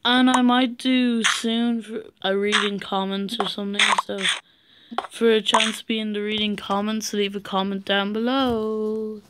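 Tired, slow-talking teen girl gamer. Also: medium pitch, flat delivery. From Ireland. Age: teenager. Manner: rambling, mumbled asides, sing-song chanting. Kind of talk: casual gameplay commentary. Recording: noisy home recording with clicks.

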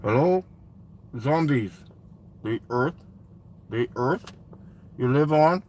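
A middle-aged man with a Canadian accent speaks slowly in a mid-range, darkish voice with lively intonation. He's a vlogger and street activist making blunt, short statements in a casual vlog and calling slogans out to passers-by. The recording is from inside a parked or slow-moving car, with vehicle noise audible.

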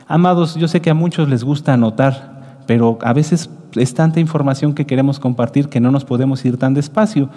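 A man's voice: mid-range voice, fairly quick, warm tone. A man preaching a sermon to his congregation, teaching step by step and often checking with the listeners with a rising "¿sí?". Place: congregation hall with a booth of branches. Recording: long hall reverb.

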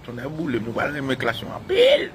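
A Haitian man teaching a class on live radio, animated, retelling dialogues and repeating phrases for emphasis. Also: mid-range voice, fairly quick, a little hiss or hum.

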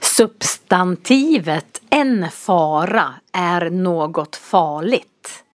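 A woman with a somewhat low voice gives a vocabulary lesson, saying each word form slowly and distinctly so learners can follow. Her voice is recorded close up in a dry room with no echo. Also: expressive. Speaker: language teacher. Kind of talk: slow, clearly articulated vocabulary lesson.

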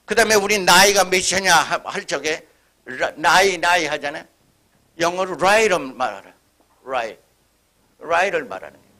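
A man lecturing on history at a forum, his voice pitched high for a man and bright in tone. He speaks emphatically and slips into imitated dialect phrases to make his points. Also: expressive, moderate pace.

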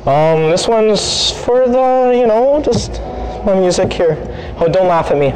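A young man doing a deadpan prank performance in a large store, singing off-key over his acoustic guitar and muttering quick asides, picked up by a far camera. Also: high-pitched, slight background noise. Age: young adult. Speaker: prank comedian posing as a busker. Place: inside a large store, bright and open. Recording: loud acoustic guitar behind the voice.

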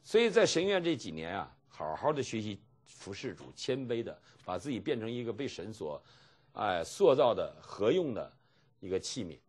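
A middle-aged man from mainland China gives a seminary lecture as pastor and teacher. His voice sits fairly low and a little husky, and it swings widely in pitch as he acts out dialogue with chuckles. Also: normal speed. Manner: animated storytelling, acting out dialogue with chuckles.

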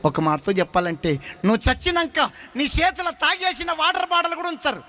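A man's voice: very high voice, animated, a little fast, bright, forceful tone. A male preacher with a Telangana Telugu accent, telling folksy stories in a sermon and questioning the congregation directly. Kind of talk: sermon with storytelling. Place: church hall.

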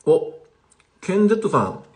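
A man's voice: high-pitched, sing-song, moderate pace, darkish tone. A man teaching casually on a livestream, chatting with viewers and replying to their comments. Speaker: language teacher streaming live.

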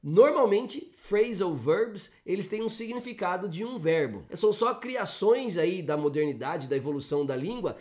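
A Brazilian man, an English teacher, explaining pronunciation in a chatty, lively online lesson and acting out examples. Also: high voice, moderate pace, few pauses. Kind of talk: online English lesson answering viewer questions.

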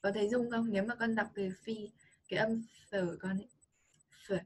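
Breathy Vietnamese woman teaching pronunciation. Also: mid-range voice, steady tone, fairly quick. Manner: patient, coaching, models sounds repeatedly. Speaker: English teacher. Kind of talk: online pronunciation lesson for a child.

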